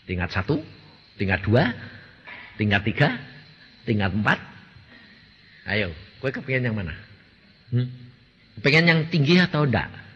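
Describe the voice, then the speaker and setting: An older man with a Javanese accent preaching a sermon, teasing and questioning his congregation in a lively way. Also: mid-range voice, unhurried, pauses often, breathy edge. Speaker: evangelist preacher. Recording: lo-fi recording in a reverberant hall.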